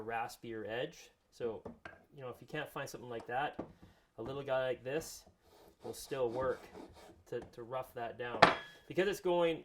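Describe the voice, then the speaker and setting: Relaxed man teaching woodworking in a shop. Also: mid-range voice. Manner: relaxed, talks while working with tools. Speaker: woodworking instructor. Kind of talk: casual workshop tutorial. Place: workshop. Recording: workshop noise under the voice.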